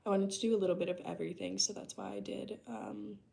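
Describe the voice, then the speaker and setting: Very animated and fast, this fairly low, creaky, warm voice belongs to a US vlogger in her early twenties. She talks with her live chat as she works remotely at home, keeping it loose and sprinkled with "um" and "like".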